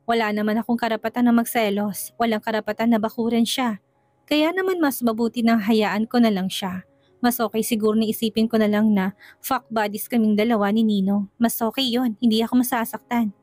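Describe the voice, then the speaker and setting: A woman's voice: fairly high pitch, steady tone, fairly quick, a little mellow, no echo, faint music behind. A woman narrating a first-person romance story in an emotional, tearful way.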